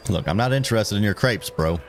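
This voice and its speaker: A man's voice: fairly low pitch, animated, a little fast. A man giving casual live gameplay commentary as a streamer, slangy and given to repeating his phrases. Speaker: game streamer.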